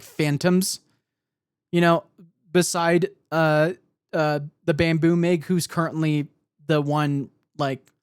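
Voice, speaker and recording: A streamer tells lore live, adding casual asides and correcting himself hesitantly as he goes. His voice is a little high with a clean tone, recorded at studio quality with no echo.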